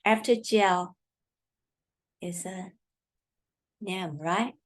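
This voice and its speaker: A woman teaching a Chinese lesson in English, patiently repeating words slowly for learners, with Mandarin as her first language. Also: on the low side. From Taiwan. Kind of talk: slow language lesson explanation.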